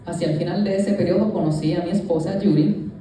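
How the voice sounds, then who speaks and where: Dark-voiced man in echoey church. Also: sits high, steady tone, fast talker, a little hiss or hum. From Puerto Rico. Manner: earnest, conversational, addressing listeners directly. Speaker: youth leader giving a church testimony. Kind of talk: personal testimony to a congregation. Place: church sanctuary. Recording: echoey church hall, voice from a distance.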